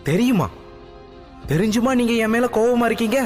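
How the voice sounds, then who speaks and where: A haughty, fiery young princess from an audio drama, put on by a male narrator. The voice sits high and leaps through a lively range, quick and indignant. Soft music plays underneath, and a long reverb trails each line. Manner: indignant, complaining, fast and high. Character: young princess, proud, quick-tempered, defiant.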